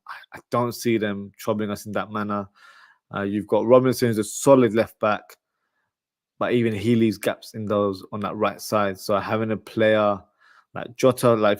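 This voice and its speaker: This football podcast host, whose Pakistani family hails from Lahore and whose home language and first tongue is Urdu, does a casual live chat previewing a match, reading comments and speaking plainly to viewers. He has a lowish voice with no room sound.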